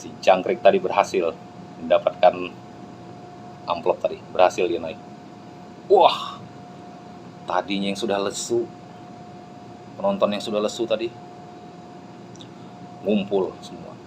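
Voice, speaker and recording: Low-voiced guy telling a motivational fable, chatty asides, faint hum behind. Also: moderate pace, long pauses, rough recording. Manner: lively, chatty storytelling with asides. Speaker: motivational speaker. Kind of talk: motivational storytelling.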